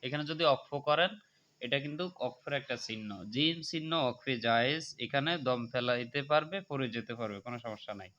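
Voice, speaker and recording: A man teaching Quran recitation, explaining pronunciation calmly and then chanting the verses slowly and melodically. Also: medium pitch. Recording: muffled lo-fi recording.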